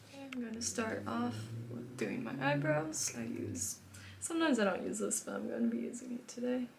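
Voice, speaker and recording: A woman's voice: a little high, sing-song, normal speed, vocal fry, background noise. A woman giving a casual, chatty makeup tutorial, rambling and often dropping to a whisper. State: a bit out of breath. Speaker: makeup vlogger.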